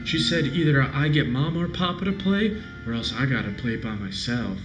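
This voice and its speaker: A man's voice: mid-range voice, animated, normal speed, echoey room, muffled recording, music in the background, natural voice. A man reading a game diary as a frightened young frontier girl, with plain, folksy, childlike phrasing. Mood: uneasy, sad. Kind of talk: game diary read aloud.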